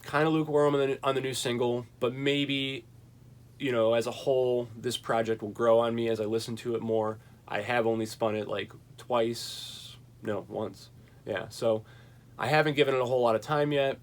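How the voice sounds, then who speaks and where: A man's voice: medium pitch, steady tone, normal speed. Casual rambling young man talking records. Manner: rambling, enthusiastic, frequent fillers. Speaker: vinyl collection reviewer. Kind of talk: casual record collection chat.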